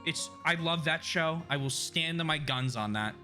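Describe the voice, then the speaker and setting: Man streamer, very bright voice, fairly high, chatty, laughs a lot, faint game music behind. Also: moderate pace. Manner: chatty, laughs often, reads chat aloud. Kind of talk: casual live-stream chat while gaming.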